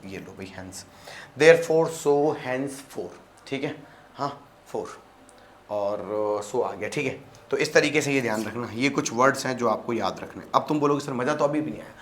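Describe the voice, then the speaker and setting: A man's voice: mid-range voice, a little slow, fairly bright tone, reverberant, a little hiss or hum. A male grammar teacher with a Rajasthani accent, talking to his students in a casual, teasing way. He keeps acting out their questions and his own answers. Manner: teasing, acts out student dialogue. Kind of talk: casual classroom lesson.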